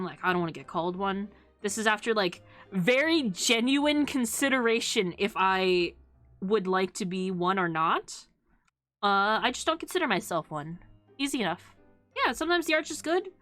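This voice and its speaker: Playful and giggly, this woman rambles through a casual livestream chat in the manner of a cute anime VTuber. Her voice sits at a medium pitch with a fairly bright tone.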